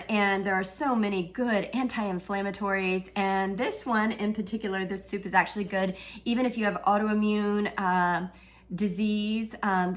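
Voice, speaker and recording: A woman hosting a casual cooking demonstration, talking in a halting way with many fillers and playful, flirty asides. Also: mid-range voice, fairly bright tone. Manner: halting, filler-heavy delivery. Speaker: cooking video host.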